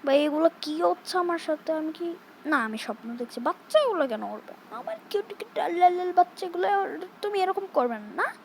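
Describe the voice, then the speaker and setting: A woman's voice: very high-pitched, lively intonation, fairly quick, slight background noise, low-quality recording. A young woman from Bangladesh giving casual, jumpy commentary while playing a horror game and talking back to the game. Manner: jumpy, chatty, scolds the game baby. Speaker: gaming streamer.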